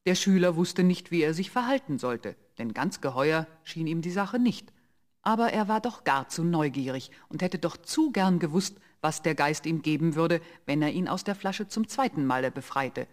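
A man giving scripted fairy-tale narration in an even storytelling voice. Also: fairly high pitch, moderate pace.

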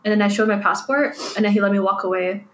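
A Canadian woman in her twenties co-hosting a casual chat, quick and prompting the others to share. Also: mid-range voice, fairly even intonation, reverberant, slight background noise.

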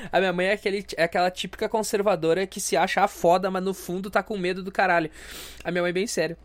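Brief: young podcast host, stuffy-nosed, heated and foul-mouthed. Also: male voice, high-pitched, fairly even intonation, quick pace. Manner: crude, self-mocking, heated. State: stuffy nose. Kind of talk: casual comedic rant.

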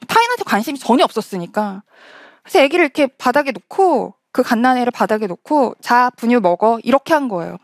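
On stage for a storytelling talk, a woman speaks in a slightly high voice that moves a lot in pitch. She acts out the quoted lines of the people in her story, and the sound is close and dry with no echo.

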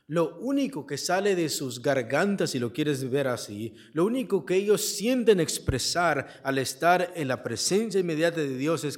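Slow, deliberate male preacher. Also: fairly high pitch. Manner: asks the congregation questions and leaves the answer word for them to fill in; reads scripture aloud and explains it verse by verse. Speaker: pastor. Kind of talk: Bible exposition sermon. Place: church.

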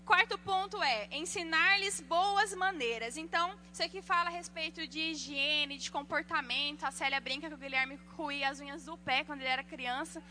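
A woman giving a sermon on parenting, telling lively personal stories and acting out the voices of the people in them. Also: high-pitched, moderate pace, few pauses, slight background noise. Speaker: church speaker.

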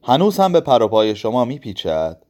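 A man's voice: mid-range voice, sing-song, darkish tone, close to an everyday voice. A man voicing a nervous older male professor with a trembling, pleading way of speaking, in a storybook reading. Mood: anxious pleading.

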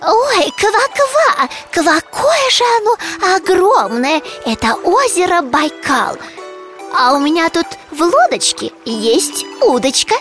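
A woman voicing an eager, naive, polite little girl frog in a children's cartoon, full of exclamations and croaky stammers. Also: very high-pitched, sing-song, takes it slowly, music in the background, heavily acted. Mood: delighted. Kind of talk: animated children's cartoon dialogue.

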